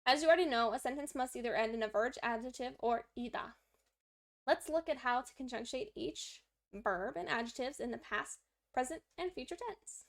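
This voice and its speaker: On her language-learning livestream, a woman reads lesson text aloud at a moderate pace in a slightly high, expressive voice with vocal fry. She talks cheerfully to herself while working through written examples.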